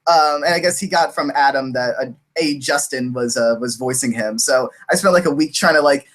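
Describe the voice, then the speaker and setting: A man's voice: mid-range voice, brisk, a bit bright. A man who voices cartoon characters, talking casually and laughing often, restarting sentences as he rambles. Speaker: voice actor. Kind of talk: casual podcast chat.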